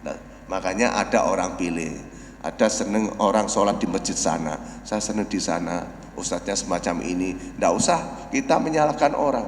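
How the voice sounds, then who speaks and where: A man preaching a dawn sermon in a mosque, often calling his listeners "Pak", rising to loud emphatic peaks, then dropping to soft prayer, and chanting Arabic lines slowly. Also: deep voice, expressive, a little hiss or hum. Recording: echoey mosque hall with long reverb.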